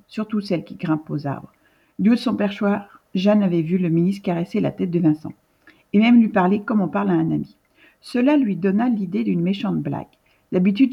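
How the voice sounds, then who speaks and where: Husky woman reading a storybook. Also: mid-range voice, muffled recording. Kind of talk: scripted storybook narration.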